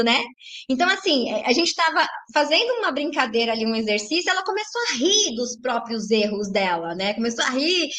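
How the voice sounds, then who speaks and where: A high, bright and forceful woman's voice with a Brazilian Portuguese accent. She is a belly dance teacher chatting with her viewers on a live stream, tagging her sentences with a questioning "né?" and reading their chat messages aloud. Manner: chatty, tags lines with "né?".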